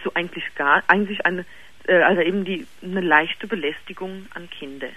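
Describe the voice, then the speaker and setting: A young woman in her twenties speaks on a telephone call to a late-night radio show. She talks haltingly, with frequent fillers and false starts. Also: lowish voice, bright, forceful tone, no room sound. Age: 20s. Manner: hesitant, halting, with many fillers and restarts. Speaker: caller.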